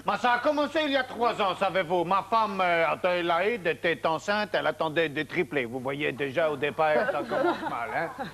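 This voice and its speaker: A man's voice: on the high side, animated, normal speed, fairly bright tone. An actor playing a hapless father, telling a long rambling story in a TV comedy sketch. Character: bumbling hapless father, middle-aged man.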